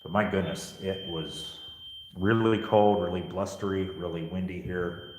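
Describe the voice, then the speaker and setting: A man's voice: low-pitched, fairly even intonation, a little slow, background noise. An American man from the Pittsburgh area chatting casually on a live stream as a paranormal investigator, in an echoing stairwell. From Pittsburgh area, United States. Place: indoor stairwell of an old seminary building. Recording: echoing stairwell, long reverb.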